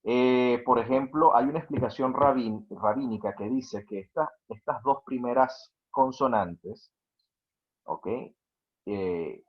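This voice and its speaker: A man giving a slide lecture on Hebrew words, checking in with listeners through frequent asides, hesitating with fillers and spelling words out slowly. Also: medium pitch, breathy edge, highs cut off. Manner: hesitant, with many "eh" fillers and restarts.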